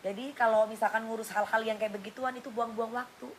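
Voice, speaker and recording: A woman's voice: on the high side, fairly even intonation, a little fast, slight background noise, poor audio. Blunt woman lecturing on a phone livestream. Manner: blunt, scolding, switches to coarse slang. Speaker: singer doing an Instagram live. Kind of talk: casual livestream monologue.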